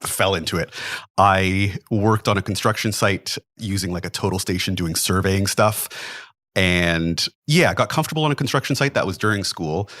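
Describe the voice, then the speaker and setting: Relaxed man, low and dry. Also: moderate pace, no echo. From Canada. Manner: relaxed and rambling, lots of "like" and "kind of". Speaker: podcast guest, building engineer. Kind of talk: casual interview chat.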